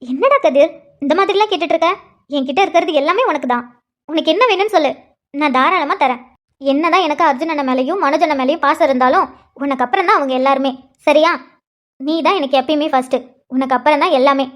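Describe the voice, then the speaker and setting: A woman's voice: high voice, fast talker, fairly bright tone. A woman voicing an affectionate elder sister who deflects and hesitates when questioned, in a cartoon. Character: tender, evasive elder sister. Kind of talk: cartoon voice acting.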